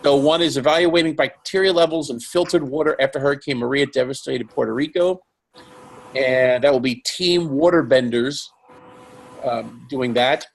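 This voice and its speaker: A man's voice: mid-range voice, normal speed, vocal fry. A man hosting a live online webinar, talking casually with many fillers and restarts. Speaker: webinar host.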